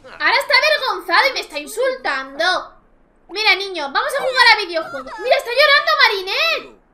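Very high, bright Spanish woman gamer. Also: very animated, slight background noise. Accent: Spain Spanish. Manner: dramatic exasperated, quick swings between laughter and mock despair. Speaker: gaming youtuber. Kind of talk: casual let's play commentary.

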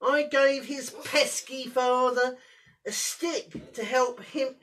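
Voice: high voice, fairly even intonation, takes it slowly, fairly bright tone. An amateur actor playing a grumpy, miserly, dismissive old man in a hammy pantomime. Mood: indignant. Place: cluttered indoor room, filmed from a distance. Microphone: far camera. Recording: noisy room, distant camera microphone.

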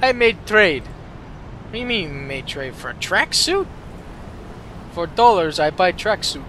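A man's voice: a little high, wildly swooping pitch, unhurried, sharp tone, a little hiss or hum, full character voice. A man voicing a chatty Russian man in a tracksuit who speaks cheerful broken English. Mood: cheery.

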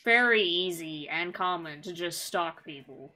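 A woman's voice: on the low side, unhurried, bright, forceful tone. A woman streaming a video game, chatting casually with sarcastic, jokey asides. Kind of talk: casual gameplay chat.

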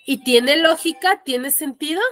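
A woman's voice: high voice, a little slow, fairly bright tone, soft background music. A woman teaching an online class, explaining step by step and often stopping to check that students follow. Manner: asks students to mute their mics. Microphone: computer microphone on a video call.

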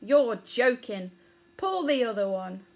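A woman's voice: on the high side, sing-song, takes it slowly, a little mellow, exaggerated voice. A woman voicing a touchy, huffy male giant millipede in a storybook reading. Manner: huffy and indignant.

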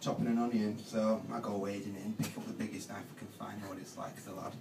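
A young man doing stand-up in a halting, deadpan way full of ums. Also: lowish voice. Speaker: stand-up comedian. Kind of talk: stand-up comedy set. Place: comedy club stage. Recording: roomy live club, distant mic, noisy.

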